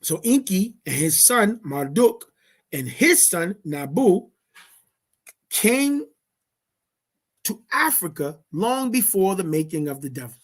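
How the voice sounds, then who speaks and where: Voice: mid-range voice, sing-song. A reader leading a study session, reading passages aloud and then explaining them in casual speech. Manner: slow, deliberate delivery. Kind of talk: reading a text aloud with commentary.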